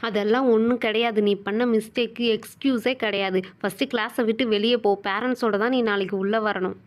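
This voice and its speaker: A woman's voice: on the high side, fairly even intonation, brisk, lightly acted. A woman voicing a strict female schoolteacher in a doll show, scolding her pupils. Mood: stern scolding. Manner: scolding, stern.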